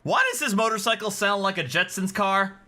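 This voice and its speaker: A man's voice: high voice, fairly quick, background noise. A man giving casual, mocking reaction commentary as a host. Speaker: host reacting to video clips.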